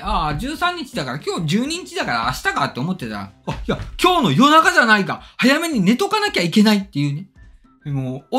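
Braces slightly slur the speech of this middle-aged tech host, whose voice is high-pitched and sharp. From a desk in an indoor studio or room, with faint music playing, he casually reads viewer comments aloud and responds with polite emphasis.

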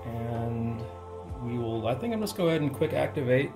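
A man playing a tabletop wargame, explaining his moves in a steady, methodical way. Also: mid-range voice, moderate pace, music in the background. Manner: steady, methodical, hesitant fillers. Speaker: player. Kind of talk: casual tabletop game talk.

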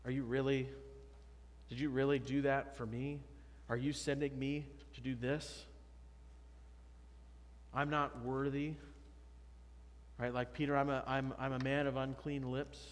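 Mid-range and flat, the voice proceeds at a measured pace with long pauses. It belongs to a pastor in his thirties giving a conversational, emphatic sermon from a sanctuary pulpit, recorded by pulpit microphone and a far camera in long reverb.

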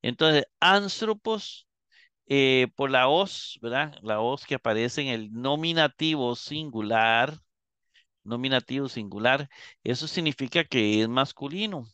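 A man teaching a live Greek class, explaining slowly and checking in with his students as he goes. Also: mid-range voice, lively intonation, pushed and bright, clean tone, dry recording. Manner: slow, explanatory, repeats and checks with "¿verdad?".

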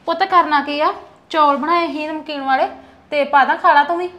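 A woman's voice: high-pitched, steady tone, moderate pace, sharp tone. A woman playing a worried middle-aged village mother who lectures her son. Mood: motherly. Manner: chiding, lecturing. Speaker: actor. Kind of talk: family drama skit.

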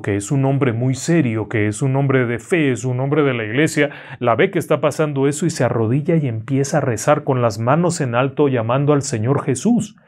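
A man's voice: medium pitch, darkish tone. Man telling horror stories. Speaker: narrator. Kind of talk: horror storytelling.

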